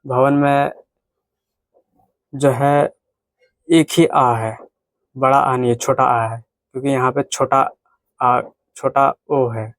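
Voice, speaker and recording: Man teaching grammar in a flat voice. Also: mid-range voice, dry recording. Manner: repetitive, slow step-by-step explaining. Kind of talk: explanatory lesson at a whiteboard.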